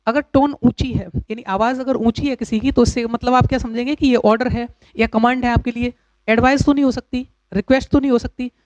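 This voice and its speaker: A man teaching English grammar in a lecture, explaining patiently with pauses and repeated examples. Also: very high voice, fairly even intonation, darkish tone, no room sound. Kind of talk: classroom lecture. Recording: dull, dry lo-fi recording.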